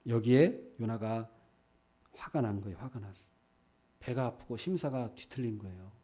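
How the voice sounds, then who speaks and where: Mellow-voiced man preaching a sermon. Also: mid-range voice, normal speed. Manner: animated preaching, acts out quoted dialogue, rhetorical questions. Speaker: pastor.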